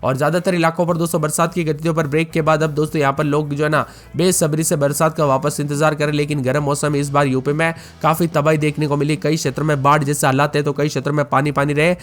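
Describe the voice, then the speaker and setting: A man presenting a rapid-fire weather news update, reeling off items in list-like runs and addressing listeners as friends. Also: a little high, little pitch movement, faint music behind. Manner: reels off long runs of items in a list-like, repetitive delivery.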